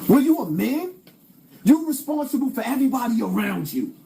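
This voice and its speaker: A man's voice: very high-pitched, big pitch swings, brisk, gravelly, warm tone. A man delivering an emphatic, preachy rant straight to camera, hammering his points with repetition. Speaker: commentator.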